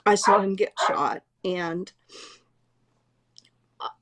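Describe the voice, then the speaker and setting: A middle-aged woman at home giving an emotional first-hand eyewitness account, halting and restarting as she speaks. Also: medium pitch, steady tone, fairly bright tone, a little hiss or hum. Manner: halting, restarts often, voice full of distress. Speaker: eyewitness interviewee. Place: at home, dog nearby.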